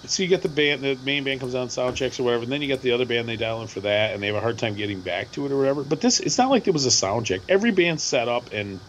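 A middle-aged man with a hoarse voice, co-hosting a podcast and telling a rambling, animated story with lots of repeats. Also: mid-range voice, rapid-fire, few pauses, slight background noise, low-quality recording. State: hoarse from screaming at a concert. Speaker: podcast co-host. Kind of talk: casual chat.

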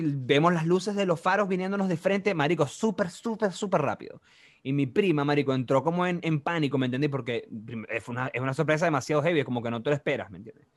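A young man in his twenties with a Venezuelan accent, telling a story in casual chat, animated and full of slang and sound effects. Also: fairly high pitch.

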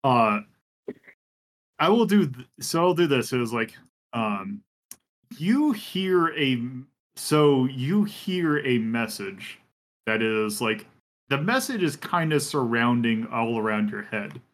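A man's voice: medium pitch, big pitch swings, takes it slowly. A man running a tabletop game as game master, narrating with many fillers and restarts.

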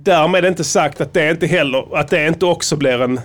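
A man's voice: fairly high pitch, fairly bright tone. A man hosting a casual podcast, talking in a rambling, profane way with frequent restarts. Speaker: podcast host.

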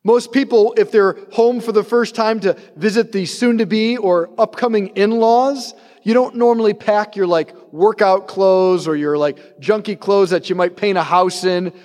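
A priest with a high voice preaches a casual, lively homily. He acts out snippets of everyday talk. His words ring out with a long reverb trailing behind them. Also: unhurried, few pauses. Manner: conversational, animated preaching with acted-out quotes. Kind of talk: sermon.

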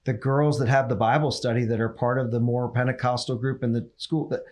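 A man's voice: mid-range voice, little pitch movement, fairly quick, a little mellow. A man co-hosting a ministry podcast, talking animatedly in a coaching tone and repeating phrases for emphasis. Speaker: ministry leader, podcast co-host. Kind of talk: casual ministry podcast conversation.

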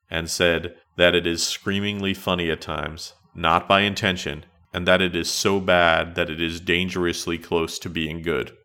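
A middle-aged man hosting a solo retro podcast in a measured, conversational, matter-of-fact way. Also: deep voice, pushed and bright. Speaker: podcast host.

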